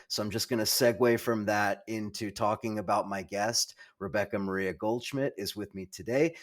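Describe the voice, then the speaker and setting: A man hosting a talk show, casual and self-deprecating, joking about his own phrasing before introducing a guest. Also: on the low side. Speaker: podcast host.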